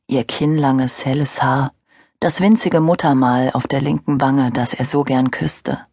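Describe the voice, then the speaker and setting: A woman reads a thriller audiobook in a measured storytelling voice with a slightly husky grain. Her mid-range pitch is recorded close on a studio mic, with a dry, dead sound. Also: dry recording. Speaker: audiobook narrator. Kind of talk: scripted audiobook narration. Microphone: studio microphone.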